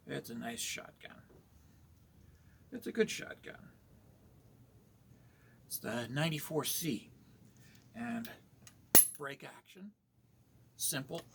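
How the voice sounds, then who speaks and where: Slow, deliberate man from Canada. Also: mid-range voice, fairly bright tone, a little hiss or hum. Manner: measured, deliberate, preachy. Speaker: vlogger. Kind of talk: slow reflective monologue.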